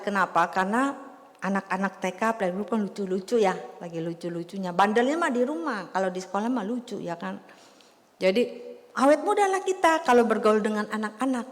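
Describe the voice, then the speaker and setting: A woman in her fifties giving a chatty, storytelling sermon to a church congregation. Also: medium pitch. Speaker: preacher. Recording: long church reverb.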